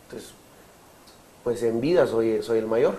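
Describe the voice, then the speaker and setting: A Guatemalan man in his thirties giving his testimony in an interview, speaking haltingly with many fillers and restarts. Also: medium pitch, mellow, slight background noise, low-quality recording. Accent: Guatemalan Spanish. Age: 30s. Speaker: interview guest.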